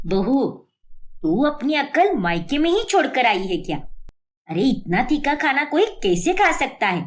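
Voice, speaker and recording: A stern, shrill middle-aged mother-in-law in a cartoon story, voiced by a woman. She scolds constantly, her voice rising high and swooping widely. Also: very animated, measured pace. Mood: scolding.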